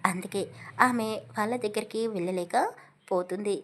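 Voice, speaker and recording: A woman reading an audio love story aloud as narrator, in a steady, even storytelling manner. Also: mid-range voice, moderate pace, slight background noise.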